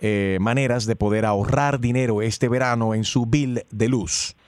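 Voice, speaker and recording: A man's voice: medium pitch, steady tone, normal speed, darkish tone, no room sound, natural voice. A man playing a polite electric company agent in a prank call, with scripted patter that mixes in English words. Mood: courteous. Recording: faintly noisy phone call with clicks.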